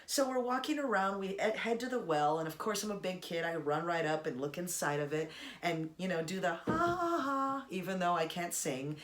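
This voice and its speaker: A woman's voice: on the low side, fairly quick. A young adult woman vlogger casually telling a personal story to camera in a chatty, rambling way with sarcastic asides. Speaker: Disney vlogger.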